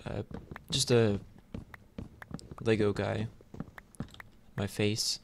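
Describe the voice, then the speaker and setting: Over the sound of clicks and typing on a noisy mic, a man narrates his gameplay for YouTube in a relaxed, halting way, thinking out loud. His lowish voice is flat, with drawn-out words and vocal fry.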